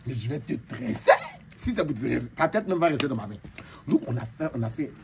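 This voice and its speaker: A man's voice: medium pitch, fairly quick, vocal fry, heavy background noise. A man playing a flamboyant boastful braider queen. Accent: Ivorian French. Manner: boastful, animated, mixes in broken English. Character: flamboyant boastful female braider chief from a market. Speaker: comedian. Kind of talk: comic monologue in character.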